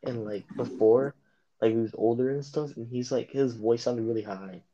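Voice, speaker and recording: A man's voice: medium pitch, fairly even intonation, normal speed, dark tone, no room sound, dull audio. A young man co-hosting a casual podcast, hesitant and full of fillers. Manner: hesitant, lots of fillers and restarts. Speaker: podcast co-host. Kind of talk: casual chat.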